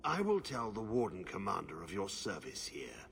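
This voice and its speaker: An actor playing a weary old male warden who speaks slowly and gravely. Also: deep voice, huge pitch swings, fairly bright tone, a little hiss or hum, exaggerated voice. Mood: grateful. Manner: slow, solemn, grave.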